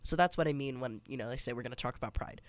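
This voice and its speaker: A congested young man hosts a casual solo podcast, talking rapid-fire at a medium pitch. He's chatty and rambling, full of fillers and restarts, and the recording has no room sound.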